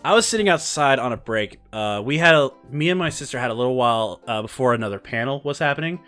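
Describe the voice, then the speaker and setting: A young man vlogger telling a story in a casual, rambling way, excitable and full of fillers. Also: medium pitch, fast, soft background music.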